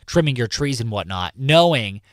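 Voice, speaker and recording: A man's voice: mid-range voice, very animated, moderate pace, no echo, clean studio sound. A man from California who hosts a morning radio news show, chatting casually and joking as he explains local news, often repeating points. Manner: chatty and jokey, explains things by repeating himself. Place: radio studio. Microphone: studio microphone.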